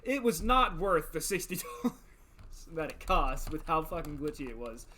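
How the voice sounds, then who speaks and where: A man's voice: on the high side, sing-song, moderate pace, bright, forceful tone, a little hiss or hum. A man streaming a video game in casual chat, congested with a stuffed-up nose, joking and swearing freely.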